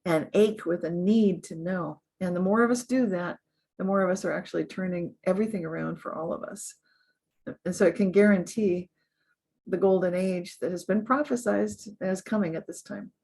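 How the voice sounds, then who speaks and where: A woman guest in an interview, talking earnestly and upbeat, often laughing and growing animated as she gives advice. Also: on the low side, normal speed, creaky. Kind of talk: conversational interview.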